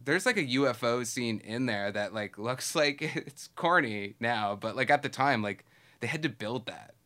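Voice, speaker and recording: A man's voice: medium pitch, normal speed, sharp tone. A man from Canada who is a guest on a podcast, telling stories animatedly with frequent laughter and casual swearing. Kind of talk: casual chat.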